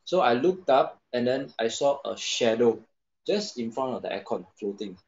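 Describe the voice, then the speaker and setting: Man, gravelly, lively pitch, halting with fillers, lo-fi video call sound. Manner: halting, many fillers and restarts. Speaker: guest storyteller. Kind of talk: casual chat on a video call.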